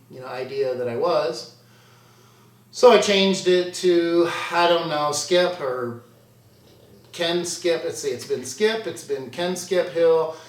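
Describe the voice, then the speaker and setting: A man working as a contest prep coach answers viewer questions in a candid, conversational way, poking fun at himself. His voice sits a little high. He talks from some distance off the mic in a roomy, echoing space. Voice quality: candid, conversational, self-deprecating. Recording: roomy sound from away from the mic.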